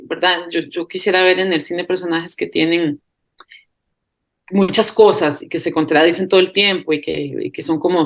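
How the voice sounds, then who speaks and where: A film director from Costa Rica, a woman speaking Costa Rican Spanish, answering interview questions with many pauses, fillers and restarts. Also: fairly low pitch. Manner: hesitant, thinks aloud with many fillers and restarts; laughs lightly while talking.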